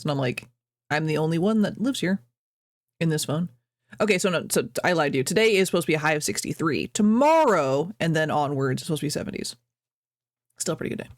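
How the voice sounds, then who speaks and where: A woman's voice: lowish voice, no room sound, studio quality. A young adult woman streamer chatting casually at home, rambling, reading chat aloud and laughing often. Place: at home, birds outside.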